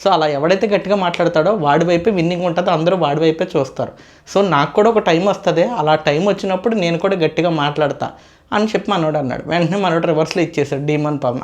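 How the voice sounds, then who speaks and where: Fast-talking opinionated man reviewing. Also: fairly high pitch. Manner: opinionated, chatty, mixing English phrases. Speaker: show reviewer. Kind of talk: casual episode review.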